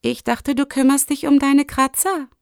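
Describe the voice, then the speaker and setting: A woman voicing a sharp-tongued, smug young fox girl who speaks high and pointedly. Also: big pitch swings, unhurried, no echo, studio quality. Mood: snippy.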